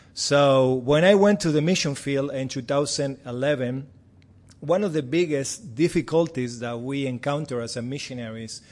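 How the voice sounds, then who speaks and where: A man of about forty-something from Argentina, whose native language is Spanish and whose accent is Argentine Spanish, shares a chatty missions report with a church, friendly and gently self-mocking. His voice is a touch mellow and medium in pitch.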